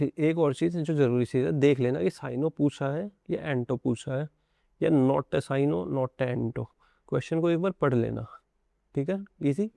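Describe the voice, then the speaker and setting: A young man with an Indian accent gives an exam-prep lesson, explaining each point directly to his students. His voice is gravelly and a little higher than most men's. The recording is close and dry. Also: dark tone, no room sound. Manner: mixes English terms into Hindi, addresses students directly.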